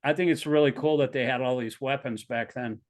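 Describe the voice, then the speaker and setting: A man's voice: medium pitch, a little fast, darkish tone. A man leading a scripture class, explaining earnestly with frequent stumbling restarts. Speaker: class leader.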